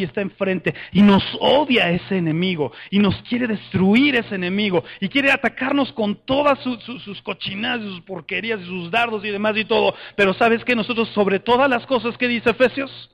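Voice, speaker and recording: A man preaching a lively sermon, calling young people up and leading the congregation in shouted chants. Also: high voice, dull audio. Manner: energetic, calls people up, builds to shouted chants. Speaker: preacher leading a youth demonstration.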